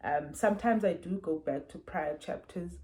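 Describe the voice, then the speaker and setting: A South African woman talks through a book review in a casual, earnest way, stopping often to give examples. Her voice sits low, with a soft, mellow tone. The sound comes through wireless earbuds. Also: normal speed, rough recording. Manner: earnest, explanatory, gives examples. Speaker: parent reviewing books.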